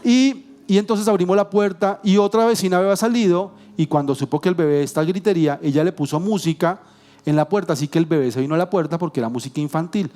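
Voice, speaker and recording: High-voiced pastor telling stories. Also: male voice, fast. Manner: animated, humorous storytelling with self-corrections and jokes. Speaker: guest pastor. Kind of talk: sermon with personal storytelling. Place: church.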